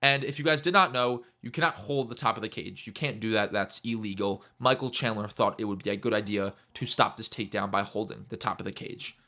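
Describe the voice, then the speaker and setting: A young man giving a casual, mocking breakdown of a fight, animated and fond of repeating his catchphrases. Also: on the low side, fairly quick, few pauses. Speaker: MMA YouTuber.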